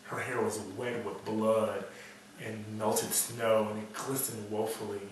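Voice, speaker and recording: A hard-boiled, world-weary detective, acted by a man mutters his bleak noir monologue in a lowish voice. He broods like a cynic telling an old story. The recording is very echoey and set back from the mic, with a little noise. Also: little pitch movement, takes it slowly. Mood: somber. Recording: echoey room, distant mic, faint noise.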